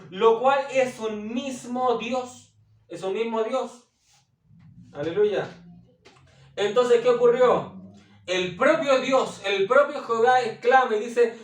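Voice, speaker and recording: Slow, high-voiced preacher in an echoey room. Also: male voice, a bit bright, distant mic. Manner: repeats phrases for emphasis, asks the listeners questions; many hesitation sounds. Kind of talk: Bible teaching. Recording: echoey room, voice set back from the mic.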